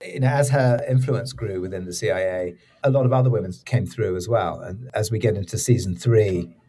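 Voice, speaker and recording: As an interview guest, a man who directs and executive-produces audio dramas explains his work in a relaxed, informal way. He talks fairly quickly, in a lowish, dark voice with a slight roughness.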